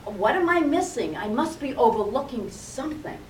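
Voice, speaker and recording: A woman's voice: sits high, lively intonation, normal speed, a little mellow, slight background noise. A woman voicing a frightened single mother who prays in panic, pleading anxiously. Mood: panicked pleading. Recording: echoey room, distant mic.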